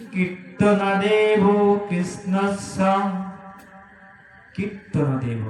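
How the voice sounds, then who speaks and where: A man's voice: sits high, darkish tone. A man preaching a devotional sermon, asking the audience questions and breaking into sung chants. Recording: echoey hall recorded from far off.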